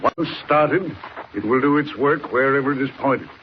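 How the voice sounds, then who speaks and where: An actor playing a sinister, menacing professor with a deadly invention in a 1940s radio serial. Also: male voice, mid-range voice, normal speed, natural voice. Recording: noisy, muffled old radio recording.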